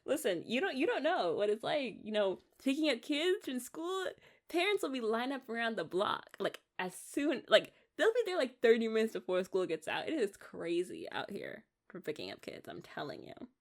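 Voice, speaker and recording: A young American woman plays an eager, affectionate wife in an intimate ASMR romance roleplay, rambling and coaxing with giggles. Her slightly high voice is sing-song at a moderate pace, and the mood is chatty and teasing.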